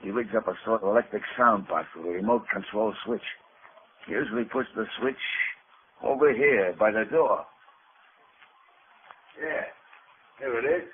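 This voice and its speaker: A man's voice: lowish voice, moderate pace, long pauses. An actor playing a tough, cocky male gangster who talks in blunt street slang, heard as an old AM radio broadcast. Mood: sneering. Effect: old AM radio broadcast sound. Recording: tinny, faintly hissy 1930s AM radio.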